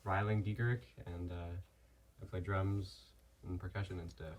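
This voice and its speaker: A man's voice: low-pitched, flat delivery, normal speed, lo-fi sound. A young man, a drummer and podcast guest, speaking hesitantly with lots of "uh". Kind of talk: casual interview storytelling. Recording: distant from the mic.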